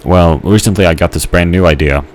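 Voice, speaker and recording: A man's voice: low voice, a little fast, a little hiss or hum. A man casually rambling while playing a game, hesitant, with many fillers and restarts. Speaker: gamer narrating his gameplay.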